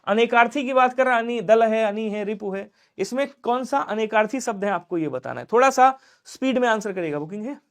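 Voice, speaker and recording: A man leads an exam-prep grammar lesson. His voice sits fairly high, and he drills question after question. He answers each one himself in his students' voices. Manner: drills quickly, urging speed. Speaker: Hindi teacher.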